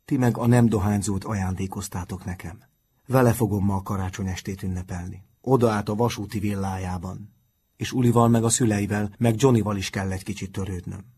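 A man voicing a stern but kind middle-aged male schoolteacher, gruff and loud when he exclaims. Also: lowish voice, steady tone. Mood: gruff kindly.

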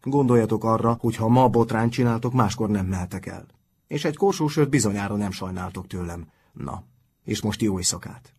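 A man's voice: on the low side, a little mellow, slightly rough. A man voicing a wry boarding-school teacher giving a firm speech to his pupils in a storybook reading. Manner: addressing a group, firm.

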